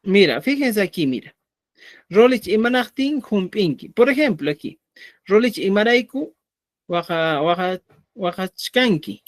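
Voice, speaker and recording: A man's voice: high voice, no room sound, clean studio sound. A man teaching a live online language class, explaining patiently and often checking in with the students. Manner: explanatory, checks understanding with frequent "¿ya?". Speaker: Quechua teacher.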